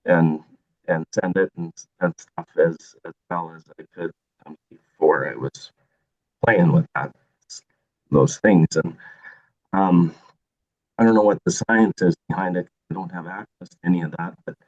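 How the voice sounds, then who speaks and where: A man calling in with a hesitant question, full of ums and likes, his voice coming through a call signal that keeps breaking up. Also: deep voice. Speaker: caller. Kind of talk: casual question to a guest. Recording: muffled lo-fi call line.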